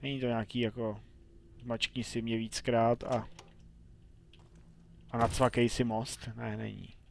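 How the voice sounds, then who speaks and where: Gravelly-voiced young male gamer, self-talking, playful let's-play commentary. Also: mid-range voice, flat delivery, darkish tone, a little hiss or hum. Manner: chatty, talks to himself and the game, playful outbursts. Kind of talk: casual gameplay commentary.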